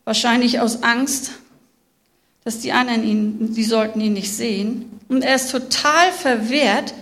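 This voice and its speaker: Slow, expressive woman preaching. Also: a little high. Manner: slow, expressive, speaks to listeners directly. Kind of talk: sermon with Bible reading.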